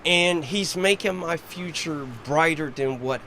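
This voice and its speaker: An earnest man shares his personal testimony on a bench outdoors. His voice sits a little high. Street traffic runs behind him. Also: a little slow, pushed and bright. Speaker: shelter guest sharing testimony.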